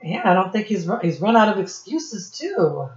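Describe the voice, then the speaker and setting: In a mid-range, sing-song voice at a moderate pace, an American teacher and read-aloud host leads a storytime lesson for young children from her home office classroom. She instructs them, asks questions and speaks to them directly, on a muffled recording.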